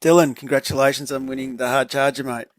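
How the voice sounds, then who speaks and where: A man's voice: mid-range voice, level tone, fast talker, no room sound. Male host, easygoing, dry close mic. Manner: easygoing, laughs often, slang like mate. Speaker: stream commentator interviewing drivers. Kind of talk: casual post-race chat.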